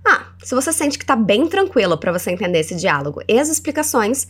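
A woman with a Brazilian Portuguese accent hosting a language lesson podcast. She is encouraging and slows down to model English words for the listener to repeat. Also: a little high. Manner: animated and encouraging, models words slowly for repetition. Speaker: English teacher and podcast host.

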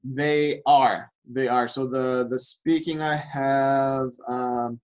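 A man's voice: mid-range voice, steady tone, takes it slowly, clear, resonant tone, low-quality recording. A man, a guest and public speaker, talking casually in an interview with easy fillers.

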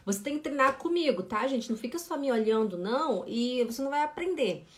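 Brief: woman, German tutor on a live stream, chatty and encouraging, a fairly high voice. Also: lively intonation. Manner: chatty, greets viewers by name, drills pronunciation slowly. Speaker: German teacher. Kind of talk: casual live-stream lesson. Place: home room with lights.

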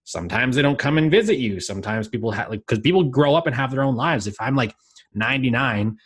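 A man's voice: medium pitch, expressive, fast talker, slightly rough, dry recording, studio quality. A man in his late twenties co-hosting a podcast, rambling casually with lots of filler words and easy laughs. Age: late 20s. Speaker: podcast co-host. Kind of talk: casual chat.

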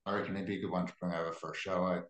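A man's voice: sits low, flat delivery, racing, a bit bright. Blokey man, broad Kiwi accent, echoey room. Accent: broad New Zealand. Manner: blokey, sweary, ends remarks with "eh". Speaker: podcast co-host. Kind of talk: casual chat about combat sports.

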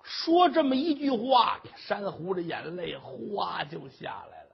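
A man telling a comic story in performance, animated and shifting between character voices. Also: sits high, measured pace, creaky, slightly rough. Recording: muffled lo-fi recording.

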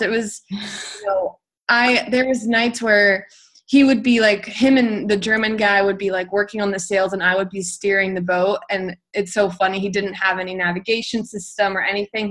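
A woman's voice: medium pitch, moderate pace. Rambling young woman telling a story. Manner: rambling, full of "like" and "um", lively. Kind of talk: casual storytelling in conversation.

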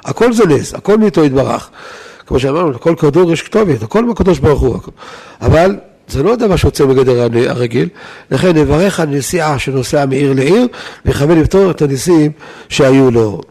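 Man giving a lively Torah lesson. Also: a little high. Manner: lively, rhetorical questions to listeners. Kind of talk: weekly Torah lesson to a live audience.

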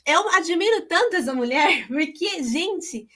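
A woman's voice: extremely high pitch, lively intonation, measured pace, sharp tone. A woman talking casually about a Bible story and her own life, chatty and emotional, calling her listeners "gente". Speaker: co-host.

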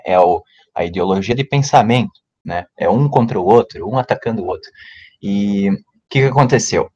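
A man, telling a story in casual podcast chat and acting out quotes in a loud, high voice. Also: highs cut off. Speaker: podcast co-host.

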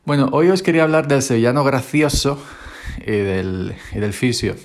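Spanish guy podcasting from his bedroom on his phone, wry rambling storyteller, mid-pitched voice. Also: moderate pace. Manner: rambling, wry, repeats himself. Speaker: podcast host. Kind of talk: casual storytelling monologue. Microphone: mobile phone.

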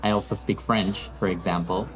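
A man's voice: low voice, steady tone, moderate pace, rough recording. A man from Peru, an English teacher, talking in a friendly, thoughtful way as an interview guest, with some fillers. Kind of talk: interview conversation.

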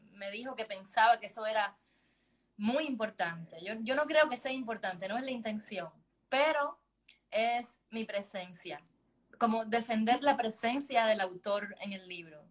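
A woman's voice: a little high, fairly bright tone. Woman author reading her story aloud. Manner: hesitant with restarts when talking, measured when reading. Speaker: guest author.

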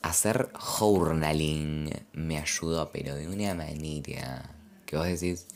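Deep gravelly young Argentine man. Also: slow pace, slight background noise. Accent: Rioplatense Spanish. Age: young adult. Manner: rambling, reflective, uses slang and filler; gestures and moves while talking. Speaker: podcast host. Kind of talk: casual confessional monologue.

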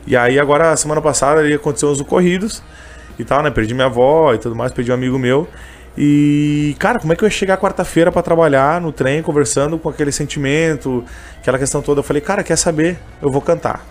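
Guy talking fast, kinda high voice, emotional story, lots of fillers. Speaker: interviewee, candy seller who sings on trains. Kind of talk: casual storytelling.

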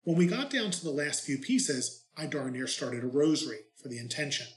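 Male priest for readings and homily; deliberate, measured delivery, recorded with strong room echo. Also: fairly high pitch, sing-song. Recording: echoey, reverberant room.

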